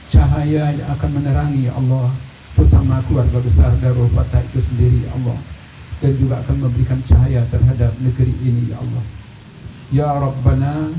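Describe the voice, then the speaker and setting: A man leading a gathering in a long, slow prayer, with many repeated appeals to God. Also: mid-range voice. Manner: slow, repetitive supplication with frequent "ya Allah". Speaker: prayer leader. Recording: echoey, distant, dull and noisy hall recording.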